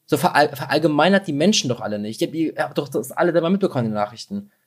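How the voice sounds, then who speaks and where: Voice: medium pitch, animated, racing. Guest voice, fired-up, talks in a long emphatic run. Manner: emphatic, impassioned. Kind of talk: casual chat.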